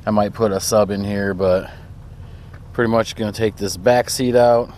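A man's voice: on the low side, steady tone, moderate pace, a little mellow, a little hiss or hum. A young man from Wisconsin giving a rambling, laid-back walkaround of his pickup truck, filmed outdoors on a phone, full of fillers. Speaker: vlogger showing his truck. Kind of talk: casual walkaround vlog.

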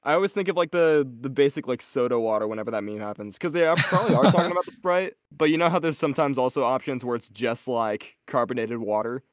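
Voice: medium pitch, fast, few pauses, no echo, studio quality. A stream guest chatting casually in a rambling way, laughing often.

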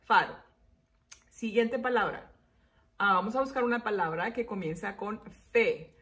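Slow-spoken woman teaching syllables. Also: medium pitch, fairly bright tone. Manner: slow, repeats words syllable by syllable, checks in with "ok?". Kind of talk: children's spelling lesson.

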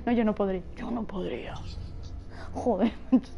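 A woman's voice: medium pitch, moderate pace, gravelly, highs cut off. A woman from Spain with a thin, piping voice and a peninsular accent, chatting casually and teasingly while playing a game. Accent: Spanish (Spain). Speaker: video game streamer. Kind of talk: casual chat while gaming.

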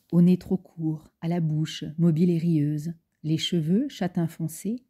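Low, husky woman reading a novel. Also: mellow. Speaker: audiobook reader. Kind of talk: scripted narration.

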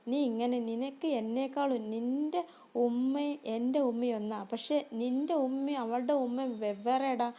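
A woman voicing a spiteful, bullying young woman who scolds and shouts insults. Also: high-pitched, normal speed, natural voice. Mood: angry.

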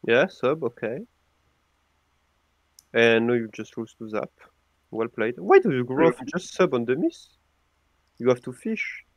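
A man's voice: medium pitch, very animated, no room sound. A man on a podcast, stammering as he questions and breaks down a game's moves. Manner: stammering, quick to question plays. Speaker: podcast guest. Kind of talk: casual gaming commentary.

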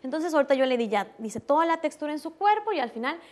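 Woman, Mexican accent, high voice; instructor demoing on a TV morning show, patient and gentle. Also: expressive. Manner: explains slowly, softens words for babies. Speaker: early stimulation instructor.

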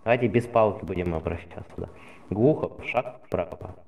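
Drill sergeant type: man, deep-leaning voice, gruff and commanding, running military drill in online game chat. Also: moderate pace, lo-fi sound, a little hiss or hum.

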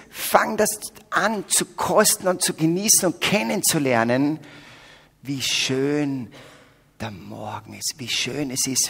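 An older man from the Salzburg region with an Austrian accent, giving a spiritual talk at a faith festival, joking with the audience and swinging between loud exclamations and hushed whispers. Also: medium pitch, gravelly, slightly rough. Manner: humorous, addresses audience directly. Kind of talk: spiritual talk to young adults. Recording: long hall reverb.

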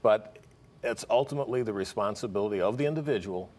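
A man's voice: on the low side, fast, a little mellow. A middle-aged man, a financial planner, explaining things steadily as a guest on a morning news show in a TV studio.

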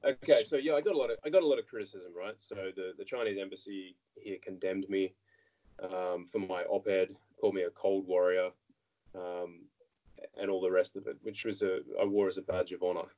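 A man's voice: low-pitched, steady tone, a little fast, mellow, lo-fi sound. An Australian man in his thirties, a guest politician chatting frankly in an interview, telling anecdotes with many restarts. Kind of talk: casual interview chat.

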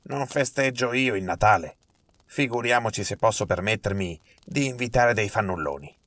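A man voicing a nervous, miserly old male collector, fussy and quick to protest. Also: lowish voice, animated. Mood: peevish.

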